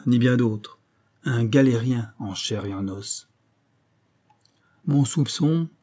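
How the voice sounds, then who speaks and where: A man narrating a nineteenth-century story as an audiobook, measured and expressive. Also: mid-range voice. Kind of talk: literary audiobook reading.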